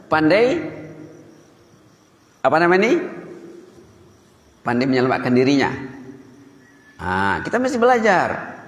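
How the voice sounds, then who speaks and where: A man preaching in a mosque, his voice ringing through a big echoey hall with a long reverb tail. He tells stories with energy, swinging from loud to soft, in a mix of speech. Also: fairly high pitch. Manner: lively storytelling, voice swinging between loud and soft. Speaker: preacher giving a dawn lecture. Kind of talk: sermon.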